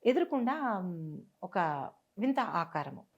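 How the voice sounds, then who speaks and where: A woman's voice: medium pitch, big pitch swings. Earnest woman telling a personal story. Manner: earnest, halting, with restarts and repeats. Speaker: guest. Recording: dull lo-fi sound.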